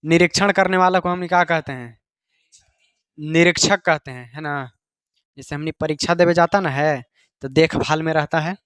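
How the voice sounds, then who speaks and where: A man's voice: on the high side, clear, resonant tone, no room sound, clean studio sound. A man with a Bihari Hindi accent teaching a class in a casual, chatty way, often quizzing his students. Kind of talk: classroom lecture.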